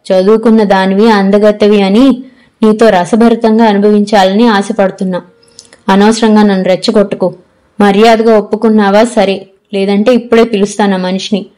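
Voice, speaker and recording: A woman's voice: medium pitch, mellow, close to an everyday voice. A woman reading the lines of a lustful fake godman who speaks crudely and threatens. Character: lustful fake godman, older man, menacing.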